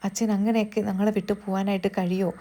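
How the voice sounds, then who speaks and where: A woman's voice: medium pitch, flat delivery, fast talker, dark tone, close to an everyday voice. A woman voicing a tearful, loving young daughter who pleads and reassures.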